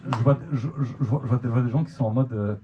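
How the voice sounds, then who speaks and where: A young stand-up comedian from the Manche area of Normandy, France, speaks with a medium-pitched voice at a quick pace and a local Normandy accent. On a comedy club stage he teases and mocks himself, stammering and restarting his words. The lo-fi club recording is dull and noisy, with the audience laughing in the background.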